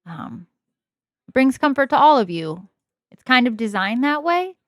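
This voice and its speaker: Slow-talking woman game master. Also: a little high, dry recording, clean studio sound. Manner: relaxed, meandering, many "um"s. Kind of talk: narrating a tabletop game.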